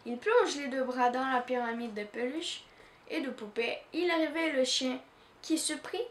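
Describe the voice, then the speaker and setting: A woman from Canada reading a children's story aloud in an expressive, measured way. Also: high-pitched, roomy sound, a little hiss or hum. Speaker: reader.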